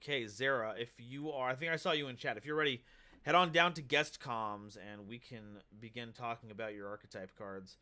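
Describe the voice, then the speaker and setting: A man's voice: medium pitch, fairly quick, pushed and bright. A man hosting a casual livestream, upbeat and hype, who reads card text aloud. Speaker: streamer host.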